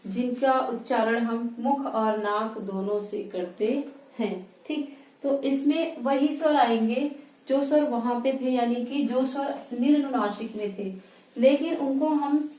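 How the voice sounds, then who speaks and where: A Hindi teacher gives a grammar lesson at a whiteboard, speaking slowly and drawing out and repeating each word as she writes it. Her voice is soft, mellow and a little high. She's some distance from the mic in an echoey room.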